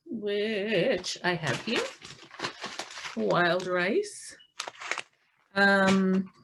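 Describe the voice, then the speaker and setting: A woman gives an unhurried health talk at a measured, deliberate pace. Her voice sits at an ordinary pitch, and she lists foods one at a time with frequent pauses and fillers. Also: fairly bright tone. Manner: slow, listing items one by one with fillers; showing foods from her pantry. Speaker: health presenter.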